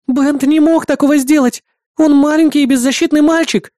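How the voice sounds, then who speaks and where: A man voicing an excitable, anxious young woman, a police partner in an audiobook, with shrill, pleading outbursts. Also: normal speed, no echo, studio quality.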